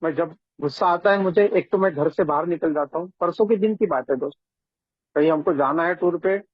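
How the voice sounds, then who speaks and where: A man's voice: on the high side, brisk, husky, no room sound. A man sharing his recovery story at a support meeting, talking earnestly and conversationally and often calling the listeners friends. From India. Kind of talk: personal recovery testimony. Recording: tinny phone-line audio.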